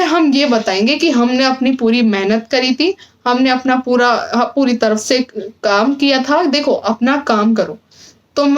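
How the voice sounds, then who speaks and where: A teenage girl with a high voice speaks straight to her fellow students. She sounds earnest and encouraging as she reassures them. She often pauses on fillers and restarts her sentences. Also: low-quality recording. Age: teens. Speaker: student vlogger. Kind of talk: casual advice talk to camera.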